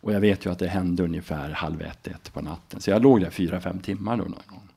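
A middle-aged man from Sweden, a podcast guest, telling a story in a relaxed, halting way with frequent tag questions. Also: low-pitched, vocal fry, breathy edge. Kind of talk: casual storytelling.

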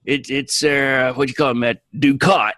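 A man's voice: medium pitch, fairly even intonation, moderate pace, sharp tone, dry recording, studio quality, close to an everyday voice. A man co-hosting a podcast, playing a boastful, crude Southern space crewman who rambles through a recap, full of fillers and restarts. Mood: rambling. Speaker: podcast co-host. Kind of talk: comic in-character recap.

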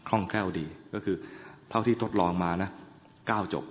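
A man who is a Buddhist monk, giving a dharma talk, chanting in a measured tone and explaining with dry humor. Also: fairly low pitch, steady tone. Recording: dull lo-fi recording in an echoey hall.

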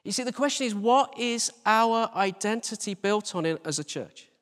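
This British preacher, a church team leader, has a high-pitched, animated, fairly bright voice and talks at a normal speed. His sermon is informal and conversational, full of rhetorical questions, emphatic repetition, and self-deprecating touches, all echoing through a large reverberant church hall.

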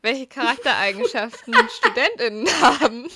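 A woman's voice: on the high side, big pitch swings, normal speed, bright, forceful tone, no echo. A young woman co-hosting a casual podcast in a playful, teasing manner. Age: young adult. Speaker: podcast co-host.

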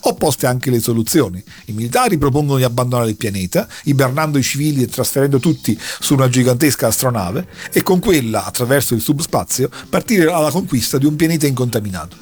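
A man's voice: mid-range voice, lively intonation, fast talker, few pauses, slightly rough, soft background music. A man recounting a long story in a casual chat, telling it with dramatic flair. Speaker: podcast host recounting an anime plot.

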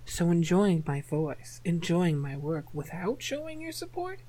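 Low woman voice doing a slow bossy hypnosis script, kinda teasing. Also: sing-song, a crowd in the background, rough recording. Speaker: erotic audio creator. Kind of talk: scripted hypnotic role-play reading.

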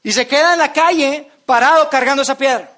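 A man's voice: very high voice, brisk, pushed and bright. Earnest man preaching a sermon. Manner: earnest storytelling, addresses audience directly.

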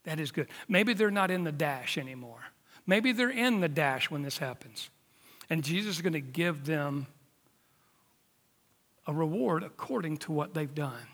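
Pastor, late fifties, slightly high voice, emphatic with hushed drops, long hall reverb. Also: male voice, expressive, unhurried. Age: 50s. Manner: emphatic preaching, dropping to near-whispers for emphasis. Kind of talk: sermon.

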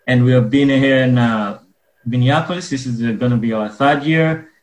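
A man from Uganda, speaking earnestly and haltingly as a guest in a radio interview. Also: mid-range voice, roomy sound, poor audio. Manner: earnest, halting with frequent pauses. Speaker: guest, wellness business owner.

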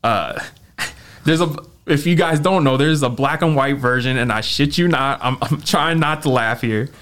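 A man in casual podcast chat, ranting about films with a profane, animated delivery. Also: medium pitch, moderate pace. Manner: profane, animated movie rant. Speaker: podcast co-host.

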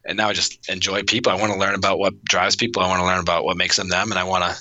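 A man's voice: low-pitched, little pitch movement, very fast, sharp tone, dry recording. A man in his thirties talking casually as an interview guest, rambling with lots of restarts and fillers. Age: 30s. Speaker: podcast guest.

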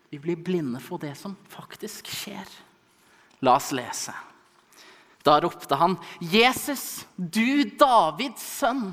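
A young man preaching a sermon at a church service, telling the story dramatically and swinging from loud calls to hushed asides. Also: fairly high pitch. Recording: long reverb of a church hall.

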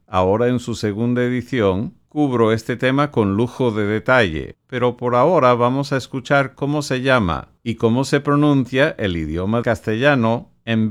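A native English-speaking man who is a podcast host and director runs his own show in a measured, announcer-like style that includes sponsor reads. His voice is mid-range.

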